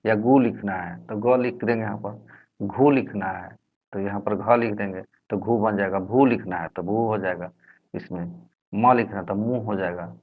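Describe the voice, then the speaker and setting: A man from Jharkhand with a Jharkhand Hindi accent, teaching Hindi letters slowly and repetitively, sounding out each syllable, on a dull lo-fi recording. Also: lowish voice, fairly even intonation, breathy edge. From Jharkhand, India. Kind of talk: explaining Hindi letters at a board.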